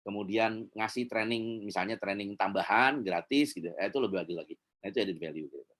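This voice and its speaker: A man's voice: fairly low pitch, fairly quick, fairly bright tone. A middle-aged man, teaching a sales seminar in a chatty lecturing manner with many fillers. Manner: chatty, many fillers, acts out customer quotes. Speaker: sales trainer.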